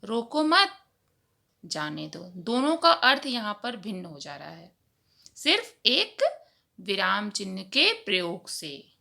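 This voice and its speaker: Slow, gravelly-voiced woman teacher. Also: medium pitch, sharp tone. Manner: slow, deliberate teacher talk addressing children. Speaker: primary school teacher. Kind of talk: grammar lesson for children.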